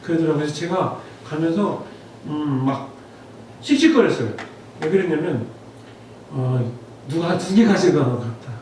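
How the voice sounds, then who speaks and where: A man's voice: on the high side, expressive, normal speed, long pauses, darkish tone. A male pastor preaching a Sunday sermon, telling a personal story in a conversational way and asking the congregation questions. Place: church sanctuary. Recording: very echoey hall, distant mic, faint noise.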